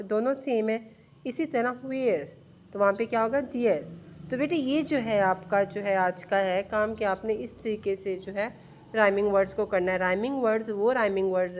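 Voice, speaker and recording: A woman's voice: mid-range voice, slight background noise. A woman teacher giving an online English lesson to young students. She explains patiently, often asks questions, repeats words, and mixes Urdu-Hindi with English words.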